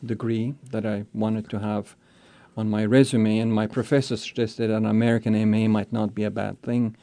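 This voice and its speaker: Older man, from Austria, radio guest, low gravelly voice, dark tone, flat delivery. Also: dry recording. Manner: thoughtful, measured, with frequent ums. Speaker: guest, college program director. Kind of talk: radio interview.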